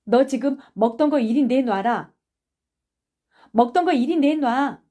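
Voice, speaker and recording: A woman's voice: sits high, a little slow, mellow, pitched above the performer's own voice. A woman voicing a stern, upright schoolboy who makes commanding demands in an audiobook reading.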